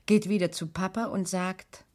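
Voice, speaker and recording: A woman narrating a children's radio play in a calm, clear storytelling manner. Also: mid-range voice, moderate pace.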